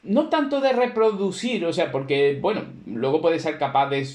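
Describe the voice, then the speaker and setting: A man's voice: a little high, moderate pace, a little mellow, roomy sound. A man teaching a class, explaining at length in a conversational way with many fillers and rhetorical questions to his students. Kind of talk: classroom lecture.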